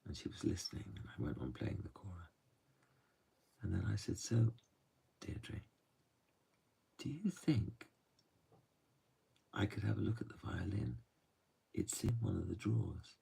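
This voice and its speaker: Slow, gravelly-voiced male storyteller. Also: sits low, sing-song, recorded from a distance. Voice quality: gravelly and husky. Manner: soft, unhurried, often drops to a hush. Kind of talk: gentle spoken storytelling.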